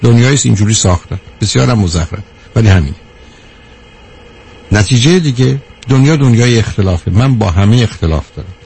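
A man giving a measured talk to a live audience, counting off his points one by one and answering a question from the room. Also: on the low side, mellow, breathy edge. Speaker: speaker on anger management.

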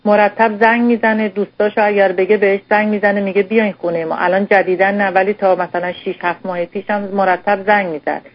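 A woman's voice: medium pitch, level tone, hardly any pauses. A middle-aged woman from Iran calling in to a radio show and explaining at length in a rambling way. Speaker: caller. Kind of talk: call-in conversation. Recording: dull lo-fi radio sound.

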